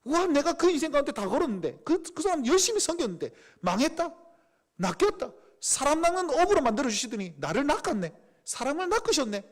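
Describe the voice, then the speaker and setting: A man's voice: very high voice, sing-song, fairly quick, pitched above the performer's own voice. A male pastor acting out an impulsive, indignant male fisherman disciple, blunt and exclamatory, in a sermon. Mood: aggrieved.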